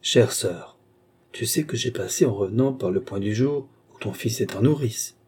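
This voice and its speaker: A man reading a gentle young nobleman. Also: lowish voice, normal speed, slightly rough. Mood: consoling. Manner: soft, consoling. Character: tender young nobleman, gentle older brother.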